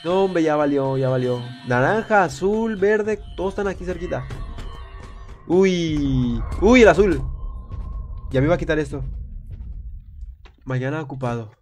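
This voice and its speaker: A man's voice: a little high, a little slow, long pauses, soft background music. Young man streaming with a cold. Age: young adult. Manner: rambling, excitable, talks to viewers while playing. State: congested with a cold. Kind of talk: live gameplay commentary reading chat.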